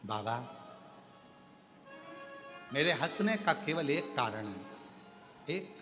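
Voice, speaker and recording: A man voicing a humbled male demon who pleads softly and imploringly for release. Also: sing-song, very slow, long reverb tail, over music. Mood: pleading. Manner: soft, low and imploring.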